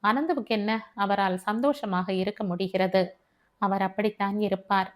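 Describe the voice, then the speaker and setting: Woman reading sincere male friend, gentle reasoning, medium pitch, storybook dialogue. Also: steady tone, moderate pace, close to an everyday voice. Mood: earnest. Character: man friend offering comfort, earnest.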